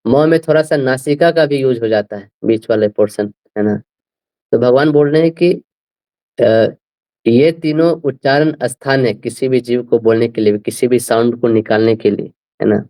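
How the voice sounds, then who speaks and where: A man explaining scripture to a class, slowly working through speech sounds and often asking his listeners whether they follow. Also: medium pitch, mellow, rough recording. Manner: slow, repeats "right?" often, spells out sounds. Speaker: scripture teacher.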